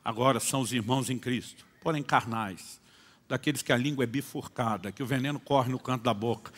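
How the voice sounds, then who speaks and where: A male pastor preaching a sermon, telling stories and acting out dialogues, moving between hushed and loud delivery. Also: medium pitch, brisk. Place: church conference hall. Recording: long hall reverb.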